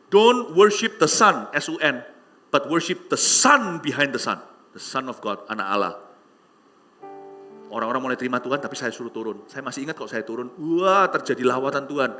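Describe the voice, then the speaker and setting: A man preaching a sermon, telling stories animatedly and acting out voices with shouts and hushed asides. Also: a little high. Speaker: pastor. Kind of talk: sermon with storytelling.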